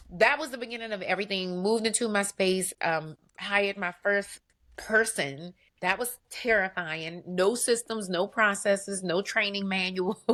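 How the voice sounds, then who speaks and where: Woman business owner telling her story, lively and emphatic, mid pitch. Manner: animated and emphatic, with vivid asides. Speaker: guest, spa owner. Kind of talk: conversational storytelling.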